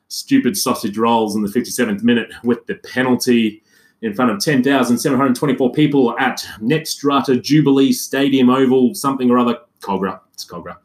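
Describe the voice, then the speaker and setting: A man hosting a casual chat podcast, jokey and sarcastic, rambling with restarts. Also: medium pitch. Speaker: podcast host. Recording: echoey room.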